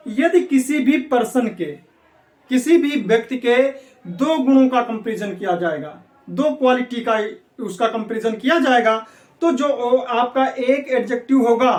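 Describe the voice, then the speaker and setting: A man's voice: very high voice, recorded from a distance. A man teaching English grammar for competitive exams, repeatedly asking questions and answering them himself. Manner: repetitive, asks students questions and answers them. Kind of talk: classroom lecture for exam prep. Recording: echoey room, voice away from mic.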